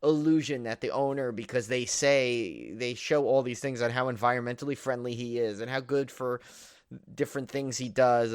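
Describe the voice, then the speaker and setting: In a studio-quality recording with no echo, a man with a mid-range voice co-hosts a podcast, chatting casually in review of films. Enthusiastically emphatic, he rambles, says things more than once, and stacks up "like" and "you know".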